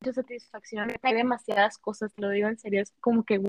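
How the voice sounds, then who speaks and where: A young woman speaks in a fairly high voice, telling a personal story with deep feeling. Her talk is loose and casual, packed with fillers. The recording is dry, with no room echo. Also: fairly even intonation, fast talker. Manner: emotional, heartfelt storytelling with many fillers. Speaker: guest sharing a testimony. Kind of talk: casual conversation.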